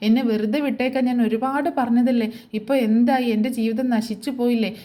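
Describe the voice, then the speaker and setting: A woman's voice: fairly high pitch, fairly even intonation, fairly quick, mellow, natural voice. A woman voicing a bitter, angry middle-aged mother who scolds and wails her complaints. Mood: wailing.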